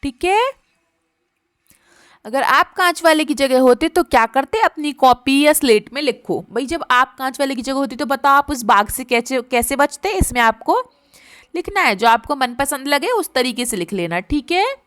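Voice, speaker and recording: A woman teacher, taking young children patiently through a workbook lesson and repeating each word slowly. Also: high-pitched, animated, a bit bright, no room sound, clean studio sound.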